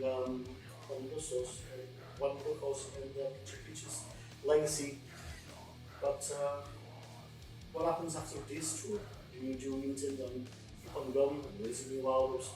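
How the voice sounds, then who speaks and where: Rambling male podcast host, roomy and distant. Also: mid-range voice. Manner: rambling, circling back to rephrase questions. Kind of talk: casual interview chat. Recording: roomy distant mic with music behind.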